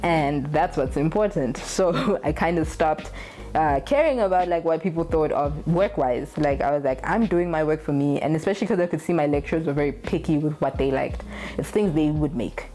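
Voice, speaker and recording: A woman's voice: low voice, moderate pace, mellow, faint music behind. A young adult woman talking casually to camera in a candid, blunt way, swearing freely. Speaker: vlogger.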